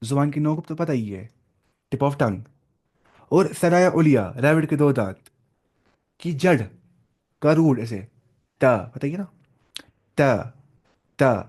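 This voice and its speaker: A young man gives a relaxed classroom lesson on recitation. He explains step by step, asks his listeners questions and sounds out each letter to show how it should be said. His pitch sits in an ordinary middle range. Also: pauses often. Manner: explains step by step with questions and demonstrations, mixing in English words. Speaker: Quran recitation teacher.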